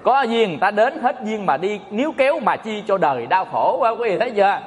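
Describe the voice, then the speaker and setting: Male monk, folksy joking sermon, high voice, long hall reverb. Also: animated, quick pace. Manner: folksy, joking, addresses audience often. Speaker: Buddhist monk teacher. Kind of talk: Dharma talk sermon.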